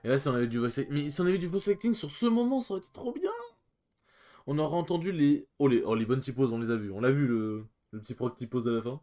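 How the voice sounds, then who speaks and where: A man hosting a let's play video, chatting casually over his gameplay. He reacts with playful emotion and drops the odd casual swear word. Faint game music plays softly behind him. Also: mid-range voice, lively intonation, quick pace.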